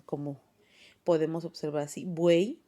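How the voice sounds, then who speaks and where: Brief: patient female teacher, lowish voice, unhurried classroom delivery, taped on a phone. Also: fairly even intonation, mellow. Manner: patient, explains step by step with frequent tag questions. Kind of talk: classroom grammar lesson. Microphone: phone voice recorder.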